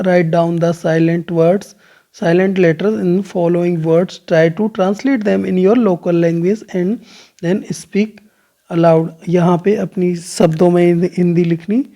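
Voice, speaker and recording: A man talks a class through a worksheet, moving at an unhurried, deliberate pace. His voice is mellow and gravelly with some fry. He reads English questions aloud, explains them in Hindi, and keeps checking in with a short "okay". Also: high voice. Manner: explains slowly, checking in with "theek hai" after nearly every point. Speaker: online teacher. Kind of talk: worksheet solution lesson.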